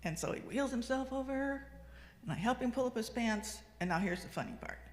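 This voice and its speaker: A woman's voice: a little high, lively intonation, fairly quick. A woman in her sixties, a lay speaker giving a personal reflection talk at a congregation, telling stories conversationally with frequent ums and restarts. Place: fellowship meeting hall. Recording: long hall reverb on a livestream.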